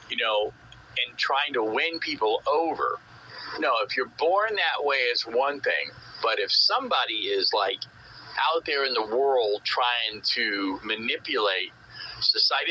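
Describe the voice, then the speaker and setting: Bright, forceful man over muffled CB radio. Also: mid-range voice. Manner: emphatic, coarse swearing, rambling. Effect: CB radio transmission. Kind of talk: casual opinionated chat over CB radio. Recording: muffled noisy CB radio transmission.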